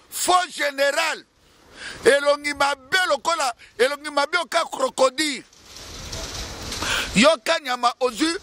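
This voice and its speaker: Fiery high-voiced man ranting outdoors. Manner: fiery, declamatory, shouting at times, gesturing. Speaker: activist news presenter. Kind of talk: impassioned political address to camera. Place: city square outdoors, winter. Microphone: handheld microphone. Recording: street noise behind.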